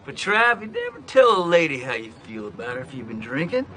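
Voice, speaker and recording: A man's voice: fairly high pitch, big pitch swings, bright, forceful tone, a little hiss or hum. An actor playing a goofy, easygoing father who gives his grown son clumsy advice in a sitcom. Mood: fatherly. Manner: goofy, easygoing, slow on sarcasm. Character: laid-back dad living in a parking lot. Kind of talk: sitcom acting. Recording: faint music under the dialogue.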